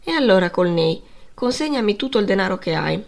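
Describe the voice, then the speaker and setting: A woman's voice: medium pitch, animated, fairly quick, vocal fry. A woman reading the part of a severe male schoolteacher questioning his pupils, in a stern tone.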